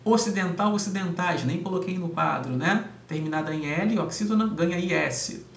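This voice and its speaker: A man's voice: high-pitched, moderate pace, creaky. A man teaching grammar, going through exam answers step by step and often checking in with his students. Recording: echoey room, distant mic, faint hum.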